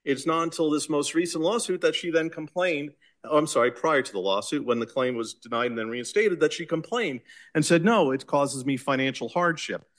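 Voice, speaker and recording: A man with a Boston accent, an attorney making an oral argument before appellate judges in a measured, insistent way. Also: on the high side, a bit bright. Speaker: attorney arguing an appeal.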